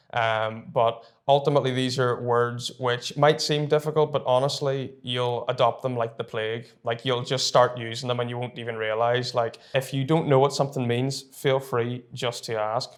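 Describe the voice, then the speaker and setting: Young Northern Irish man, casual and chatty. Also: mid-range voice. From North Down, Northern Ireland. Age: early 20s. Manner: informal, chatty. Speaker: university student presenter. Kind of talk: casual explainer to camera.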